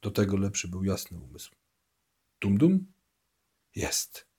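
A man reading a novel aloud as scripted audiobook narration, voicing the dialogue a little louder and livelier than the narration. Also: low voice, big pitch swings, slow pace, breathy edge.

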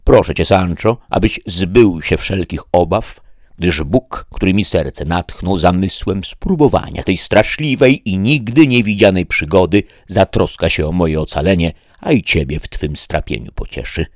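A man's voice: sits low, unhurried, dry recording, studio quality. Don Kichot, a man doing a proud knight. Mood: solemn. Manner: solemn, loud and declaiming.

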